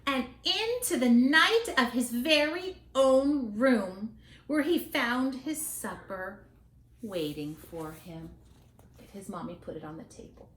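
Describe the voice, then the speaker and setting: In a roomy, echoing space with slight background noise, a woman whose voice is a little high and fairly bright reads a picture book to small children. She leans on key words, draws them out dramatically, and chats between lines.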